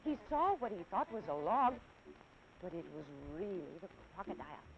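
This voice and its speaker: A woman in her thirties telling a children's story on television in an animated, dramatic, rhythmic way, on a dull lo-fi 1950s TV kinescope recording. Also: medium pitch, moderate pace, slight background noise. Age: 30s.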